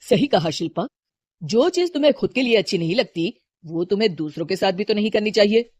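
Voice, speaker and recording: Brief: older mother-in-law figure, voiced by a woman, slow and reproachful, a little lower than the narrator. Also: animated, a little mellow, breathy edge, no echo. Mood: advising.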